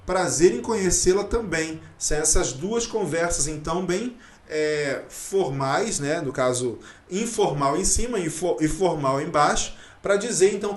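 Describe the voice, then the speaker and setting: A man teaching a casual online English lesson, explaining slowly and checking in often with short tag questions. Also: on the high side, reverberant.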